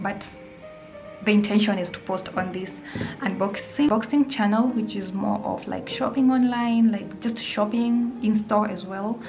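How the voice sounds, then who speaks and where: A woman's voice: medium pitch, creaky, a little mellow, poor audio. A young woman vlogging casually, thinking aloud, nervous and often dropping to a whisper. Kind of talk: casual vlog narration.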